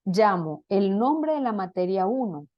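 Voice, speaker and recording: A woman's voice: medium pitch, sing-song, a little slow, muffled recording. Woman, programming teacher, step-by-step explanations, frequent check-in questions. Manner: explains step by step, many fillers and restarts, asks "¿ok?". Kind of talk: online class lecture.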